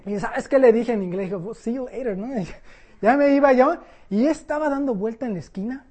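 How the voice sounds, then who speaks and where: Husky-voiced woman preaching. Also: a little high, a little fast. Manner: conversational, animated storytelling. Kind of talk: sermon.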